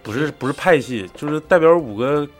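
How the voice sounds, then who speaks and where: A man's voice: fairly high pitch, animated, brisk, soft background music. A man with a Northeastern Chinese accent hosting a casual podcast chat, joking in an earthy, profane way. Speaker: podcast host. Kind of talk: casual chat with bantering commentary.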